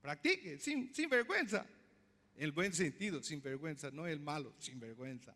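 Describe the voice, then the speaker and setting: A man's voice: a little high, big pitch swings, normal speed, bright, forceful tone. A man pastor preaching a sermon, teaching step by step and asking the congregation questions. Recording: long hall reverb.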